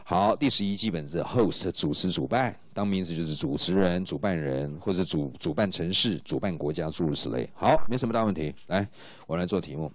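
A man's voice: low voice, lively intonation, brisk, dry recording. A man teaching English to exam students, explaining in Mandarin with English phrases and often checking if students follow. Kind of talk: exam-prep lecture.

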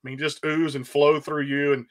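A man's voice: a little high, little pitch movement, moderate pace, a bit bright. A man hosting an interview, asking rambling questions with plenty of fillers. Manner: rambling, with many fillers and back-channel mm-hmms. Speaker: host.

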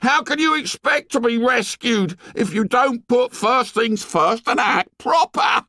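A man's voice: high voice, lively intonation, slow pace, gravelly, fairly bright tone, no room sound, clean studio sound, voice pushed up, full character voice. A man voicing an indignant, anxious schoolboy in an audiobook, scolding in whiny, ungrammatical speech. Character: indignant, whining schoolboy, anxious bespectacled outsider.

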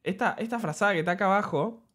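A young man with an Argentine accent chatting excitedly on stream, telling stories and swearing freely while reacting to a video. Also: high-pitched, very fast, heavy background noise. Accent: Argentine Spanish. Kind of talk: casual stream chat.

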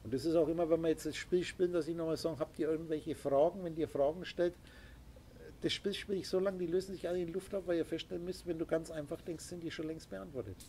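Man lecturing a small group, kinda high voice but mellow, pushy and emphatic. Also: steady tone, fast talker, a little hiss or hum. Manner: emphatic, lecturing, with sound effects. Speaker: spiritual teacher.

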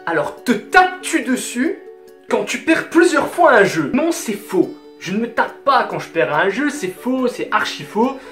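With a very high-pitched, sing-song and somewhat slow delivery, his tone fairly bright, an eighteen-year-old man answers his viewers' questions on YouTube. He comes from Hainaut in southern Belgium, speaks with a Belgian French accent, and chats casually yet emphatically to camera. The small indoor bedroom sounds roomy, with music underneath.

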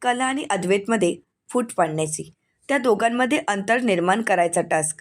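A woman's voice: medium pitch, lively intonation, a little fast, close to an everyday voice. A woman reading as a domineering, scheming aunt. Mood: commanding. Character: scheming middle-aged aunt, domineering mother.

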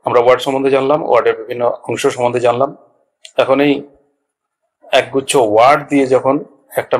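A man's voice: medium pitch, rough recording. A man teaching a basic grammar lesson, patient and explaining each point step by step with small checks to his students. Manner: patient, repeats points with checks like "all right". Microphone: small clip-on mic.

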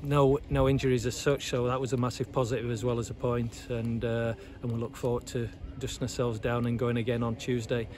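A man's voice: mid-range voice, level tone, brisk, few pauses. A middle-aged man, an assistant football manager giving a post-match interview outdoors, talking hesitantly with many fillers and repeated words. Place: outdoors at a football ground by terrace steps. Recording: loud outdoor noise, traffic.

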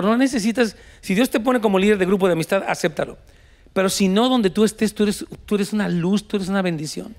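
Man, mexican spanish accent, pastor's sermon, fairly high voice, mixes in english. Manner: storytelling, switching between Spanish and English, exhorting the congregation.

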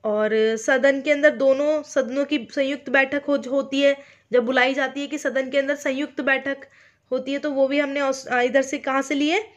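High-voiced Indian woman teaching slowly. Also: fairly even intonation, dull audio. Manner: speaks slowly on purpose, checking in with listeners often; mixes English terms into her explanations. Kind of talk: online exam-prep lecture.

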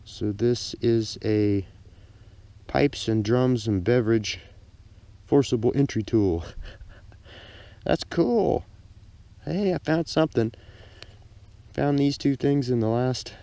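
An older man casually narrating his metal detecting outdoors on a lakeside beach, easygoing and excited at each find, recorded on a body-worn camera. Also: medium pitch, no room sound. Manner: easygoing, excited exclamations at finds. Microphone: action camera worn on the body.

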